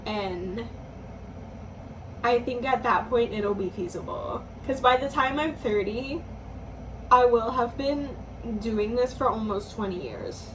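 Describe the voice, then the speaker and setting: A woman in her twenties, a musician talking slowly and thoughtfully in a personal vlog, often pausing and restarting her sentences. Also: on the high side, a bit bright. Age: 20s. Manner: slow, thoughtful, hesitant with restarts. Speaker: musician vlogger. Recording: slightly distant mic, faint background noise.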